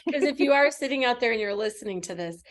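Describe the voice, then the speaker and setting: A woman's voice: fairly high pitch, lively intonation, fast talker. Affirming woman host steering the chat. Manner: warm, affirming, directs the turns. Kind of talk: casual podcast chat.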